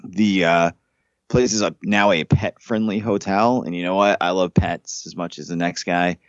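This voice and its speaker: A man telling a long, profanity-laced story in casual chat, animated and fed up. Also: deep voice, moderate pace, dry recording, lo-fi sound.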